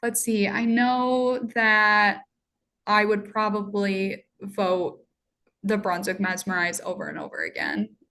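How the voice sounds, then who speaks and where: Female guest, mid-pitched voice, laid-back and hesitant on a video call. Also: slow. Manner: relaxed, hesitant, filler-heavy. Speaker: guest bowler. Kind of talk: casual live stream chat.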